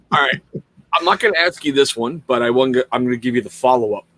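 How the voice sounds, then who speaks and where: A man's voice: mid-range voice, fairly quick, fairly bright tone. Upbeat man hosting a livestream. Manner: upbeat, reads viewer questions from chat. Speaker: host. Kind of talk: casual livestream interview.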